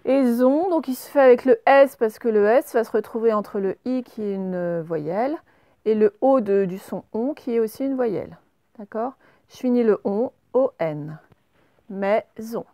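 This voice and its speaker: A schoolteacher woman gives a lesson at a very unhurried pace, spelling each word out letter by letter. Her voice sits a little high, and the recording is close and dry, with no room sound. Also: warm tone, dry recording. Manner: slow, spells out letters step by step. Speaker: primary school teacher. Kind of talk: remote handwriting and dictation lesson.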